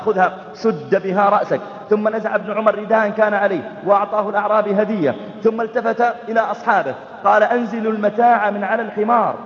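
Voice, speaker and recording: A man delivers a sermon at a quick clip, his voice pitched high. He acts out the stories with vivid shifts. The recording sounds muffled and echoes as if in a large hall. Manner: animated, acts out the dialogue. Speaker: preacher. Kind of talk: sermon storytelling.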